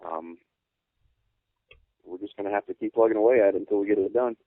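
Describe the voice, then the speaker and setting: A man in a conversational interview, speaking politely and haltingly in formal, measured phrasing. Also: on the low side, dry recording. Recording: narrow phone-like radio sound.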